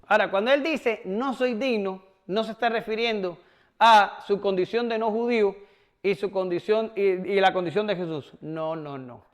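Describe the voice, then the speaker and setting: A man with a strikingly high voice leads a Bible study class. He talks in an animated way and keeps asking his listeners questions. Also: moderate pace, lo-fi sound. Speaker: Bible teacher. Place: classroom with whiteboard.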